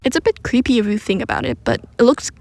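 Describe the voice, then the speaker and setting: Fast-talking and animated, her high-leaning voice is a little mellow, with no echo. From under a blanket, close and muffled, this craft creator casually narrates her DIY attempt while poking fun at herself.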